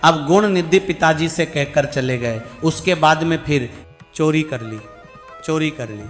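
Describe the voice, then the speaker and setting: A man telling a devotional story as a sermon, swinging between loud exclaiming and soft speech and repeating phrases for emphasis. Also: on the high side, measured pace. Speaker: religious storyteller preacher. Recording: reverberant hall with faint music.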